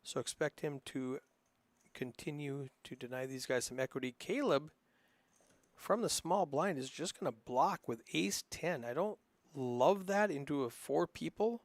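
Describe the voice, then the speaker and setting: A man's voice: a little high, animated, a little slow, no room sound. A man with a northern Minnesota accent giving casual, rambling play-by-play commentary on a live poker stream, with plenty of ums and uhs. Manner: casual, chatty, rambling with frequent fillers.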